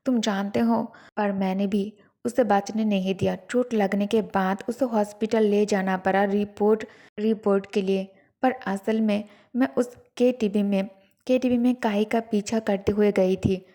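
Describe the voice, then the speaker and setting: A woman's voice: medium pitch, warm tone, natural voice. A woman voicing a bold, feisty young woman who speaks in a direct, indignant way.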